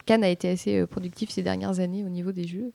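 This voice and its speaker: A woman's voice: on the low side, fairly even intonation, fast talker, vocal fry, dark tone, no echo. A woman guest from a game publisher answers questions on a radio show. She talks plainly and hesitantly, with fillers. The sound is dry and close. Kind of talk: casual interview answers on radio.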